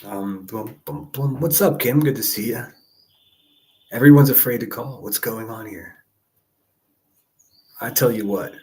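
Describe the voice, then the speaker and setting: A man's voice: medium pitch, a little slow, pauses often, a little mellow. A man hosting a live call-in show, chatting informally as he coaxes and greets listeners. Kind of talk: casual livestream chat. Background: background music.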